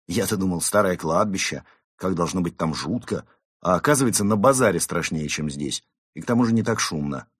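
A sharp-tongued cat from a storybook mocks and scolds in a raised, husky voice, as a man puts him on. The delivery is firm and loud. The sound is dry and close. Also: sits low, animated, fairly quick, no echo. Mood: scornful. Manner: mocking and scornful. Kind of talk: audiobook character reading.

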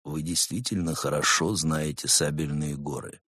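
A man voicing a stern, grim monk who speaks low and quietly menacing. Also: steady tone, moderate pace, husky, dry recording, exaggerated voice. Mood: sceptical.

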